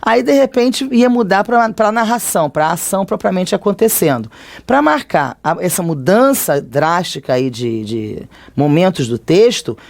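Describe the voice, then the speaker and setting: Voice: medium pitch, gravelly, a little mellow. A teacher with a Brazilian Portuguese accent giving a recorded grammar lesson, explaining conversationally and checking in often with tag questions.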